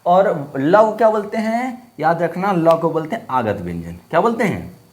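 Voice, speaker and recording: A man's voice: on the high side, sing-song, normal speed, darkish tone. A man teaching a Hindi grammar lesson in a casual, friendly manner, asking questions and repeating words for drill. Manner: casual, friendly classroom talk. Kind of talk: online class lesson.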